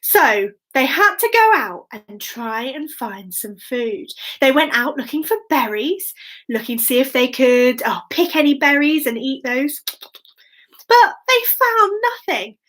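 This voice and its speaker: A woman with a high voice tells young children an interactive bedtime story. She sounds expressive and encouraging, using sing-song phrasing and dramatic pauses.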